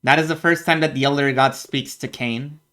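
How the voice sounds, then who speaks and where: A man's voice: medium pitch, fairly even intonation, fairly quick, sharp tone. A man giving casual video game commentary as a streamer, informal and reacting off the cuff.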